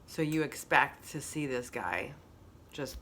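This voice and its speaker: A woman's voice: very deep voice, animated, takes it slowly, a bit bright, a little hiss or hum. A woman hosting a casual motivational monologue, reflective and repeating phrases for emphasis. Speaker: host.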